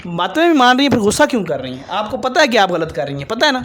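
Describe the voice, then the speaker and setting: A man's voice: sits high, very animated, fairly bright tone. A man interviewing a dancer for his video, probing her and lecturing her on religion and morals.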